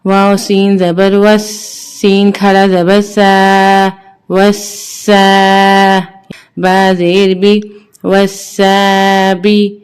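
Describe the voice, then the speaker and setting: A woman teaching Quran reading, spelling out each syllable slowly and adding quick spoken explanations. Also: mid-range voice, completely flat delivery, clear, resonant tone, soft background music. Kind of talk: slow spelled-out recitation lesson.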